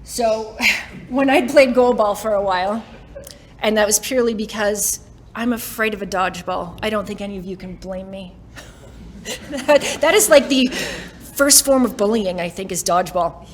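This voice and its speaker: A woman's voice: medium pitch, moderate pace, a little hiss or hum. A woman in her forties giving a motivational talk to a live audience, chatty and self-mocking, often laughing between lines. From Canada. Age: 40s. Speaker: keynote speaker. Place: summit stage in front of an audience.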